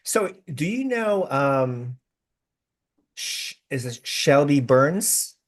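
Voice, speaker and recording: A man's voice: mid-range voice, lively intonation, extremely slow. A man hosting a casual video-call interview, chatty and effusive, with many restarts. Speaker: host.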